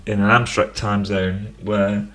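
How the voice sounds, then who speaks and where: A man co-hosting a casual radio chat, ranting and swearing in quick bursts. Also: lowish voice, flat delivery, pushed and bright. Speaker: radio co-host. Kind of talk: casual banter. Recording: music playing behind. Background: music.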